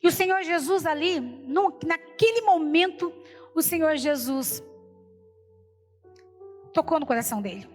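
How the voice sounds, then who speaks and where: Her voice sitting high and followed by a long reverb tail, a woman preacher shares a moving testimony in a sermon in Brazilian Portuguese. She narrates it through heavily repeated quotations, returning over and over to "falei assim."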